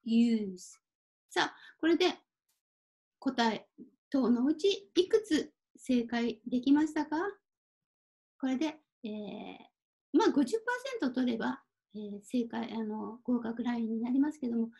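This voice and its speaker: A woman's voice: a little high, gravelly, warm tone. A woman teaching a vocabulary lesson, repeating each word several times and adding short English glosses. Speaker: Japanese language teacher. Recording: dull lo-fi audio.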